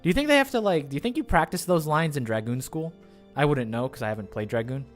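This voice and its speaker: A man's voice: a little high, expressive, quick pace. A man doing casual live reaction commentary on a game, rambling and joking with rhetorical questions. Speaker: game streamer. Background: game music.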